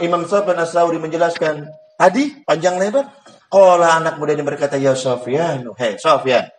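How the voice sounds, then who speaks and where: A man's voice: mid-range voice, poor audio. A man giving a humorous sermon, joking and laughing often. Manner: jokes and laughs often, mixes in Sundanese. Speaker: preacher.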